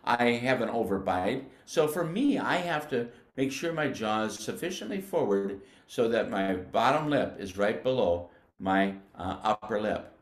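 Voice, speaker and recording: A patient older man from the United States walks beginners through band technique, explaining step by step and stretching out syllables as he demonstrates them. His voice sits in an ordinary middle pitch and rings a little in an echoey room. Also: lively intonation, measured pace, hardly any pauses. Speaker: music educator. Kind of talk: instructional demonstration.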